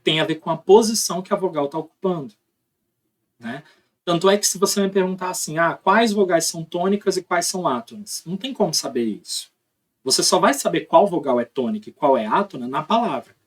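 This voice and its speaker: A man's voice: on the high side, lively intonation, brisk. A young man teaching a recorded class. He explains step by step and keeps checking that students follow him.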